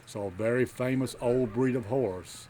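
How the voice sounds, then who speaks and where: A man speaking as a jousting knight in an informal on-site interview, explaining things deliberately. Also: mid-range voice, dark tone. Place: outdoors at a fair, near horses. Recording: faint outdoor background noise.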